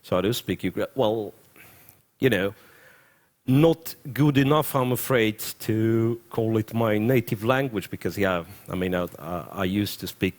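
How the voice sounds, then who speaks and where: A young adult man with a Ukrainian accent and Russian as his first language gives live chess commentary, thinking aloud and often stopping to correct himself. His voice is lowish and his pace measured.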